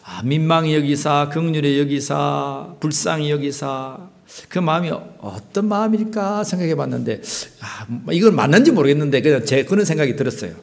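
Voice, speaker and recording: A man's voice: on the high side, normal speed, vocal fry, hardly any pauses. A male pastor with a Gyeongsang Korean accent, delivering a sermon and asking the congregation rhetorical questions.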